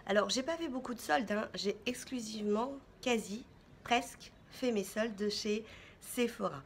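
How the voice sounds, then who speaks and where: A woman's voice: a little high, a little slow, slight background noise. A woman beauty vlogger chatting casually through a haul, with many fillers and self-corrections.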